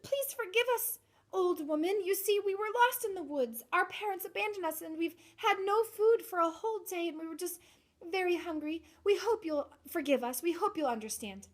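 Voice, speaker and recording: A woman's voice: very high voice, animated, moderate pace, voice pushed up. A woman voicing two lost, frightened children who beg forgiveness in a read-aloud fairy tale. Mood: pleading.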